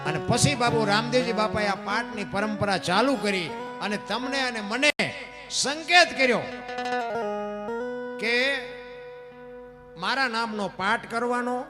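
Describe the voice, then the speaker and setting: A high-pitched man tells a devotional folk tale, dropping to a hush and then rising to loud, acted lines. He speaks into a stage microphone, with plucked-string music clearly audible behind him. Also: a little slow, long pauses. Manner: dramatic, shifts between hushed and loud acted lines. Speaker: folk storyteller. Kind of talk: devotional dayro storytelling.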